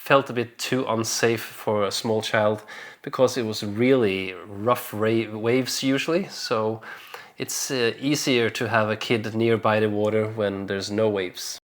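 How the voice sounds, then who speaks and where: Relaxed man chatting with frequent fillers. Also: lowish voice, unhurried. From Denmark. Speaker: vlogger. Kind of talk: casual conversational vlog chat.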